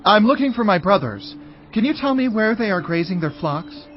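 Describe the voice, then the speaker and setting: Biblical teen dreamer: eager, expressive, fairly high, slightly dull sound. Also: male voice, normal speed. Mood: willing, searching. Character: earnest seventeen-year-old dreamer, favored son. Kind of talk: dramatized scripture audio acting. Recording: dull audio over background music.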